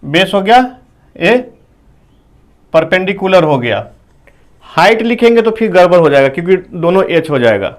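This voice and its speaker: A man's voice: high voice, very animated. A man teaching a whiteboard math lesson, explaining step by step, asking his students questions and saying "okay" between points. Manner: explains slowly, asks the class questions.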